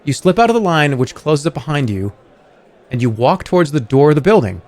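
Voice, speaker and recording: A man's voice: a little high, big pitch swings, a little fast, a little mellow. A man reading game narration aloud on a livestream in a playful, theatrical way. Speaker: game streamer.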